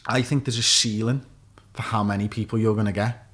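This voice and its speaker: Lowish-voiced man giving opinions. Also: fairly even intonation, fairly quick, fairly bright tone. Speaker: interview guest. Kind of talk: casual opinionated chat. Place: small office studio, indoors. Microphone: desk microphone.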